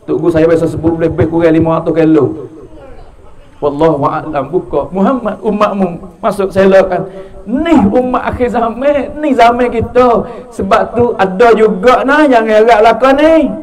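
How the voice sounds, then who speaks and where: A man preaching an impassioned religious sermon, swinging from loud cries to hushed tones. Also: high-pitched, low-quality recording.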